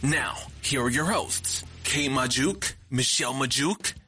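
A man's voice: mid-range voice, a little slow, bright, forceful tone, soft background music. A man reading a scripted podcast intro in a formal announcer delivery.

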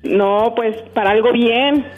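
A woman's voice: fairly high pitch, slow. A woman calling in, hesitantly asking for advice. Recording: tinny phone line with music.

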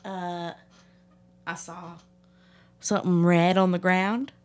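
A woman's voice: on the low side, level tone, takes it slowly. A woman playing a ditzy young Texan lifeguard in an improvised comedy interview, rambling and giggling as she talks. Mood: gossiping. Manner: giggly, rambling, laughs often mid-sentence. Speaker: improv character being interviewed.

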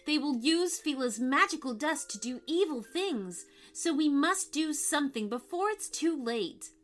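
A woman's voice: high-pitched, lively intonation, unhurried, faint music behind, voice pushed up. A woman voicing a young fairy queen in a storybook, brave and earnest, speaking in emphatic exclamations. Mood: urgent.

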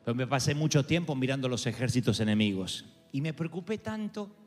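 A man's voice: mid-range voice, a little fast. A man with an Argentine accent preaching a sermon, telling a story with animation and acting out the voices of the people in it. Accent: Argentine Spanish. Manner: animated, acts out quoted voices. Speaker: pastor. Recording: reverberant hall with soft music.

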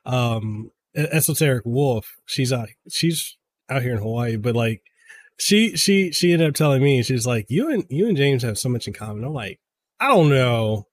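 Thirtysomething guy on a podcast, gets excited, trips over his words a lot, mid-pitch voice. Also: moderate pace. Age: 30s. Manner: excitable, stumbles and repeats words. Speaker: podcast guest, game reviewer. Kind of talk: casual podcast chat.

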